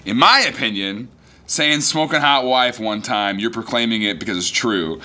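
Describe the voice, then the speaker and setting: A man's voice: mid-range voice, animated, pushed and bright, faint music behind. Young man, comedian, casual chat, wry banter, mid-range voice. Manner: quick-witted, wry banter. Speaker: comedian and co-host.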